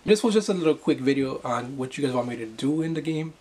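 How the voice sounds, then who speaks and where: A young man chatting casually to the camera in an excitable, rambling way. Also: mid-range voice, quick pace, background noise. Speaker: gaming YouTuber. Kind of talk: casual vlog chat.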